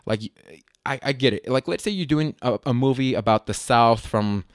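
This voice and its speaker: A comedian talks casually to the camera in a rambling, hesitant way, often stopping to correct himself. His voice is medium-pitched at normal speed, in a dry, studio-quality recording.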